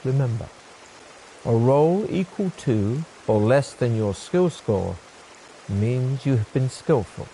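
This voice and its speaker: Slow, measured male gamebook narrator. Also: medium pitch, expressive, warm tone, a little hiss or hum. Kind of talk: second-person adventure narration.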